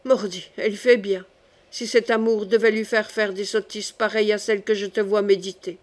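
A woman's voice: mid-range voice, fairly even intonation, moderate pace, lightly acted. A woman voicing Coconas, a brash male swordsman who blusters and swears old oaths, in an audiobook reading. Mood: urgent.

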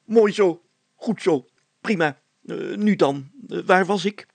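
A man's voice: sits high, slow pace, creaky, no echo, pitched above the performer's own voice, exaggerated voice. A man reading a storybook aloud, voicing a pompous, self-important male mayor who blusters and lectures.

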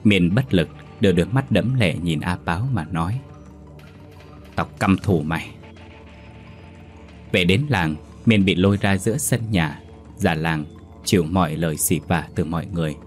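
A man reading a ghost story aloud with a steady, dramatic delivery. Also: deep voice, normal speed. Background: faint background music.

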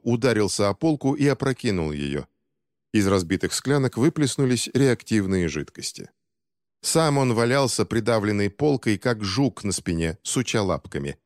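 A man narrating an action thriller audiobook in a steady, dramatic reading. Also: medium pitch, dry recording, studio quality, in a large hall. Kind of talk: scripted narration.

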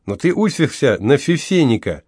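A man's voice: medium pitch, big pitch swings, normal speed, darkish tone, no room sound, studio quality, voice pushed up. Man doing a lisping young battered woman. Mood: earnest blunt. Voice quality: heavy lisp from missing front teeth. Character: young battered woman, tearful, bitter, proud.

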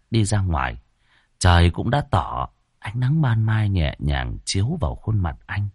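A man's voice: lowish voice, darkish tone, no room sound, studio quality. A man telling a ghost story in scripted, dramatic narration.

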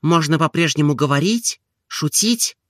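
A man reading an audiobook, voicing a proud, touchy young woman who is quick to take offence, in a high, lively voice. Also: no room sound, studio quality. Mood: flustered.

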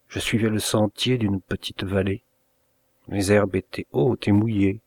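A man reading a grim first-person short story aloud in a measured, dramatic way. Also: fairly low pitch, dry recording. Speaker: reader of short stories. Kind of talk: first-person literary narration.

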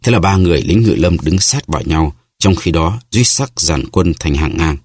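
A man narrating an audiobook novel in a steady storytelling manner. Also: deep voice, moderate pace, breathy edge, dry recording, studio quality. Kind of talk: scripted narration.

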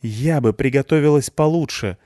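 A man's voice: medium pitch, moderate pace, dark tone, dry recording, clean studio sound, voice pushed up, lightly acted. A man voicing a stubborn, curt young woman adventurer in an audiobook.

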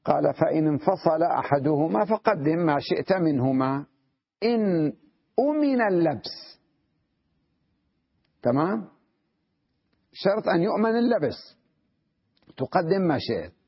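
A man teaching an Arabic grammar lesson, explaining patiently, checking that students follow, and slowly sounding out wrong word forms to contrast them. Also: fairly high pitch, sing-song, breathy edge, dry recording, dull audio. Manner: explains patiently, checks understanding with repeated questions.

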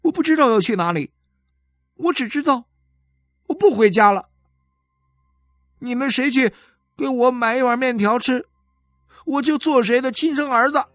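A man's voice: very high voice, animated, moderate pace, pauses often, fairly bright tone, dry recording, pitched above the performer's own voice. A man voicing a sad, stubborn eleven-year-old boy who begs strangers for a father, in a childish, whiny way.

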